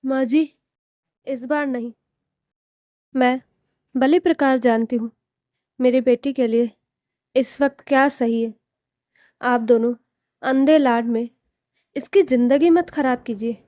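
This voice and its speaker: A firm, wise middle-aged mother, read aloud by a woman. She speaks calmly and sternly in a high, unhurried voice with a dark, mellow tone and a dry sound. This is a storybook reading. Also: no room sound. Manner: calm, then stern.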